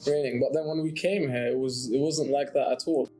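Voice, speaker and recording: A man's voice: medium pitch, fairly even intonation, brisk, warm tone, soft background music, low-quality recording. A young man from Jordan, a student, chatting casually and telling stories with many restarts. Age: young adult. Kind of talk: casual discussion.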